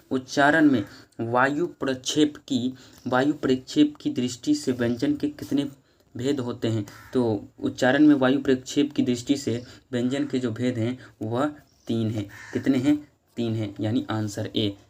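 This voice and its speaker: A man going through exam questions one by one, reading each question and then repeating it as he gives the answer. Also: medium pitch.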